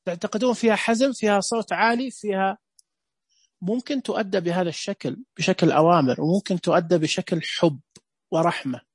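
Animated male lecturer. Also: high voice, brisk, breathy edge, no room sound. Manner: animated, asks the audience rhetorical questions.

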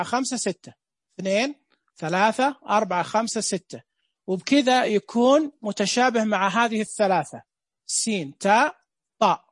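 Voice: mid-range voice, no echo, studio quality. A Braille teacher gives a casual live online lesson, joking with viewers and repeating dot counts.

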